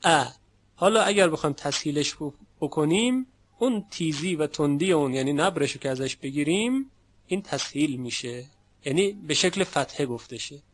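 A man teaching Quran recitation in a lecture, explaining patiently and slowing down to demonstrate how sounds are pronounced. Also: on the high side, expressive. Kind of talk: classroom lecture.

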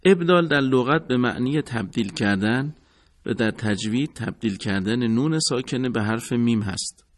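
A man teaching Quran recitation rules in a measured, formal way, repeating each rule. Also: mid-range voice, expressive. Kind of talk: recorded tajwid lesson.

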